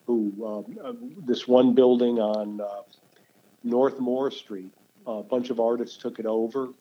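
A man's voice: mid-range voice, fairly even intonation, measured pace, highs cut off. An older man, telling stories in a casual interview, rambling and restarting his sentences often. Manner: rambling, with many restarts and fillers. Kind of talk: casual storytelling.

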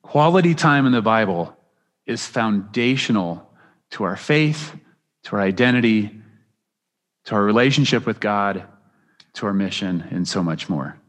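A man's voice: on the low side, animated, unhurried, long pauses. A man preaching a sermon as pastor, earnest and emphatic, often restarting his phrases. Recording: long reverb of a large hall.

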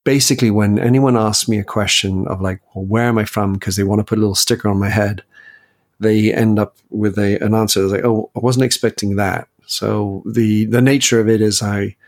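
A man's voice: lowish voice, steady tone, a little fast. A man in his fifties, a guest and author, telling his life story in a reflective interview. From Belgium. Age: 50s. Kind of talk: interview conversation.

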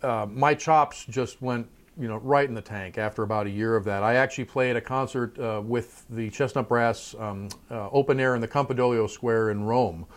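Talking at a normal speed in a mid-range voice, a middle-aged trumpeter and professor reviews his career during a relaxed interview. He comes across as thoughtful and conversational, with many side remarks.

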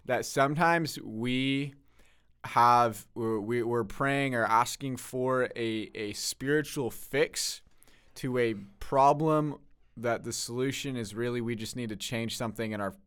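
A man's voice: medium pitch, measured pace, a bit bright, smooth. A man co-hosting a podcast, chatting casually and laughing at his partner's stories. He thinks aloud, restarting his sentences as he works toward a point. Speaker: podcast co-host.

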